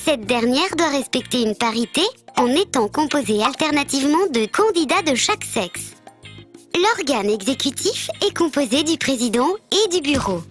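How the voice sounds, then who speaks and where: A woman with a high-sitting voice and lively intonation speaks at a normal pace over faint background music. She voices a friendly bird mascot, presenting scripted civics explainers in a didactic, structured way. As the presenter of an educational programme, she sounds instructive and friendly.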